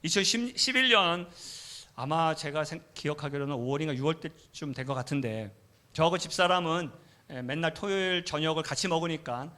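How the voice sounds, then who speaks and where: Korean male missionary preacher, slightly high voice, chatty storytelling sermon, acts out quotes. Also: bright, forceful tone. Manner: conversational, frequent affirming fillers, acts out quoted voices. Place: church sanctuary.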